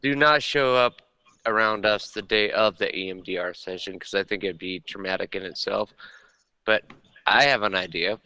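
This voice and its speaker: Bright, crisp, joking man. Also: lowish voice, normal speed, no room sound, low-quality recording. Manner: joking, playful. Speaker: podcast co-host. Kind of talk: casual chat.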